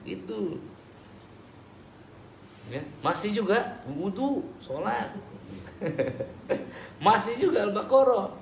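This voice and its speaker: A man's voice: sits high, animated, slow, vocal fry, pauses often. Male preacher in an echoey room. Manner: conversational, teasing, answers with everyday examples. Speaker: preacher answering audience questions. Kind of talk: casual religious Q&A talk. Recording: echoey room with background noise.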